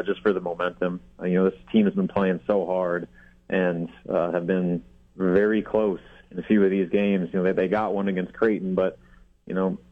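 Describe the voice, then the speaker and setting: Male sports reporter calling in, low-ish voice, relaxed with lots of fillers; tinny phone-line sound. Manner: relaxed, frequent fillers and restarts. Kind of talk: casual radio chat. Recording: phone-line call-in audio.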